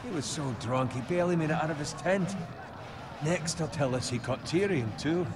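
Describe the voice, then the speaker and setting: A man's voice: fairly high pitch, normal speed, a crowd in the background, natural voice. A man playing a wry teasing soldier. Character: mocking male soldier teasing a squire. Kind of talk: video game dialogue. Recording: game audio with background noise.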